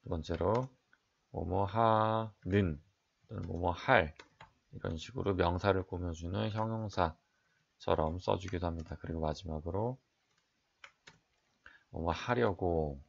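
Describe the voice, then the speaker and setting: Male English teacher, deep fry-edged voice, steady explainer for an exam lecture. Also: highs cut off. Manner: explains sentence by sentence, reads English then translates; frequent "자" fillers, asks and answers own questions.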